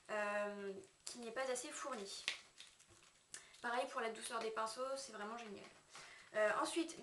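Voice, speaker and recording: A woman giving a casual makeup brush review to her viewers, chatty and hesitant, often pausing and correcting herself. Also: a little high, fairly bright tone, a little hiss or hum. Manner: chatty, hesitant, with frequent fillers and self-corrections. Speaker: beauty vlogger. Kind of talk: casual product review to camera. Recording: echoey room, mic set at a distance.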